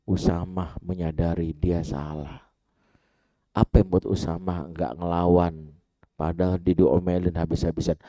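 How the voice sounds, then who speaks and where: Low-voiced man preaching with lively storytelling. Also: no room sound. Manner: animated storytelling, acts out quoted voices, addresses audience as Pak. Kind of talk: mosque parenting lecture. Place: mosque hall.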